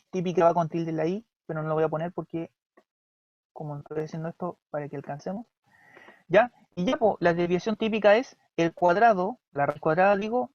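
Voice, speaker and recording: Chilean teacher checking "¿ya?" on a dull mic. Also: male voice, on the high side, darkish tone, no room sound. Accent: Chilean Spanish. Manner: explains step by step, often checks with "¿ya?" and "¿sí?". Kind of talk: recorded online class lecture.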